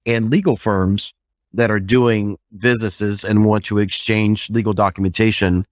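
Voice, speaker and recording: A man with a fairly deep voice who tells stories in a lively, animated way and drops in mild swear words. It is a casual podcast chat. The recording is close and dry. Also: moderate pace, no echo. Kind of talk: casual conversation.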